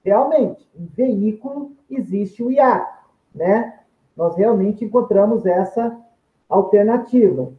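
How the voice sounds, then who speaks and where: A man's voice: high voice, takes it slowly. A man, a grammar teacher giving a video lecture, explaining step by step and answering his own questions. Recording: tinny phone-like sound in an echoey room.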